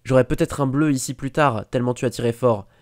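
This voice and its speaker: A man's voice: medium pitch, quick pace, dry recording, studio quality, pitched above the performer's own voice, natural voice. A man voicing a shy, hurt eleven-year-old schoolboy who speaks in a small, trembling voice. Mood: calm reproach.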